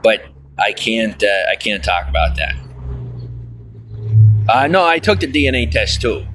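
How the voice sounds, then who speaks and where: Very animated yet measured in pace, a man with a low-leaning voice livestreams over a noisy background. He chats with viewers and reads their comments, rambling with lots of fillers, folksy asides and his habitual "I'll tell you what."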